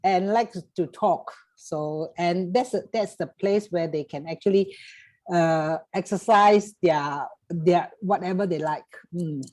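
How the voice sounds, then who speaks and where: A woman with a Singaporean English accent talks slowly and easily, chatty and quick to joke. She describes her seniors' group in a relaxed manner. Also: fairly low pitch. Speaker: founder of a seniors' drama group. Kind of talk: casual panel talk.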